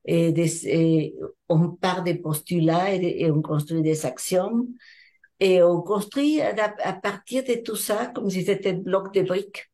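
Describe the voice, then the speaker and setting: An older woman with a Mexican Spanish accent speaks slowly in a warm, mellow voice, set a little low. She explains her ideas to an interviewer in careful French that is not her first language, pausing to find words. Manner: thoughtful, searching for words in French. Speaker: hypnotherapist and trainer. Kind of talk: interview answers.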